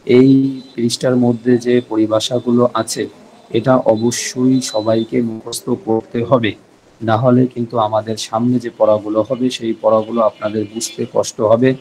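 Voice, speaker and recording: Man drilling terms in a mellow voice. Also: medium pitch, level tone, normal speed, a little hiss or hum, poor audio. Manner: repeats key terms for students to memorize; checks in with frequent rhetorical questions. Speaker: Arabic grammar teacher. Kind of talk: online class lecture. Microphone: video call.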